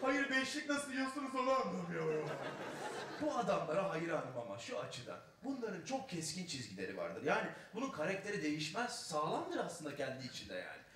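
A man telling a comic story on stage, animated and mocking. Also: fairly high pitch, echoey room, distant mic, a little hiss or hum. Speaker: stand-up comedian. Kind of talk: stand-up storytelling.

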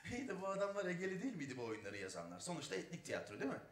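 A man's voice: on the high side, wildly swooping pitch, racing. A man doing stand-up, telling wry, chatty stories to an audience. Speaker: stand-up comedian. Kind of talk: stand-up storytelling. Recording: echoey stage recording.

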